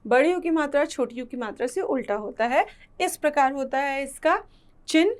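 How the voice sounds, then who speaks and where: A woman teaching a children's lesson, slow and patient, repeating syllables aloud. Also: sits high, animated.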